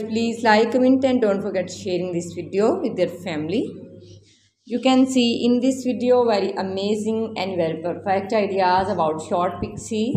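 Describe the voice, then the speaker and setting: Mellow woman in an echoey room. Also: mid-range voice. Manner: effusive, repetitive. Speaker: YouTube host. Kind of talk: casual scripted-style video voice-over with repeated phrases. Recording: roomy echo, faint background noise.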